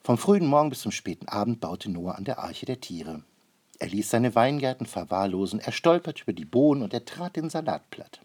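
A man narrating a children's storybook aloud in a calm, expressive way. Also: medium pitch, fairly quick, breathy edge.

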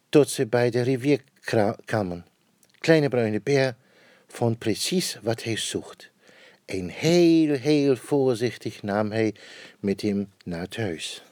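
A man reading a children's picture book aloud, taking his time with each sentence in a gentle storytelling way. His voice sits at a middle pitch. The sound is dry and close, with no room around it. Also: no echo.

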